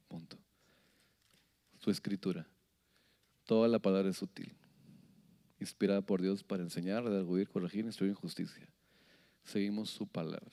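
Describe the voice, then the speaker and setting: A man preaching a sermon as pastor, animated, asking the congregation questions and acting out little scenes. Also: lowish voice. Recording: long hall reverb.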